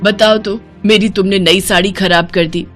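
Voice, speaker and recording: A woman's voice: medium pitch, fairly even intonation, normal speed, a bit bright, soft background music, lightly acted. A woman voicing an older, strict mother-in-law in a cartoon, scolding and firm. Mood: stern. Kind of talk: cartoon voice acting.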